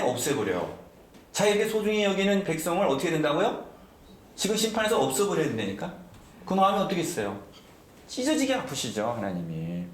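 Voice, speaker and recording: A man's voice: sits high, reverberant, a little hiss or hum. A man preaching a sermon as pastor, emphatic and often asking the congregation questions. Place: church sanctuary.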